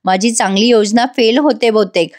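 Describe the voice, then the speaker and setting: A woman's voice: fairly high pitch, steady tone, moderate pace, darkish tone, lightly acted. Brief: earnest, worried young husband, read by a woman, cautious.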